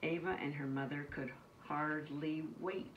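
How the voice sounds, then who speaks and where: A woman's voice: low-pitched, steady tone, lo-fi sound. A woman who teaches nursery school, reading a picture book aloud to children and stopping to chat casually about the pictures. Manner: pauses to describe the pictures in a casual, chatty way. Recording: distant mic, faint background noise.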